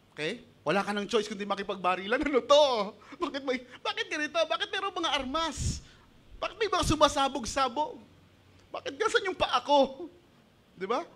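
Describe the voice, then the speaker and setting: A Filipino-accented male pastor delivers an animated sermon in a high, bright voice. He mixes Tagalog with English and acts out the voices he quotes. His tone is clear and forceful. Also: moderate pace, pauses often.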